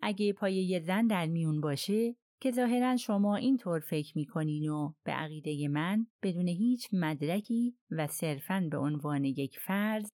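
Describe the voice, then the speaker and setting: A woman's voice: deep voice, warm tone, dry recording, clean studio sound. A woman reading the lines of a reserved, stiff English army colonel in an audiobook, curt and cold in her replies.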